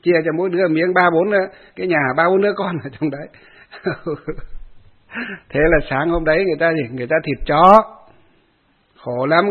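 A male Buddhist monk tells a story in a sermon, lively and talking straight to his listeners. His voice sits fairly high with a husky grain. The audio is thin and phone-like. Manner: animated storyteller who laughs along and addresses the audience.

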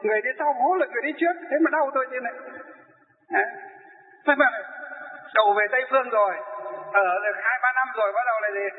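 A man's voice: very high-pitched, quick pace, pauses often. Man, Buddhist monk, sermon, rhetorical questions, long hall reverb, narrow phone-like sound. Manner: rhetorical questions he answers himself, lively storytelling. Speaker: Buddhist monk teaching lay followers. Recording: echoey hall through a tinny narrow line.

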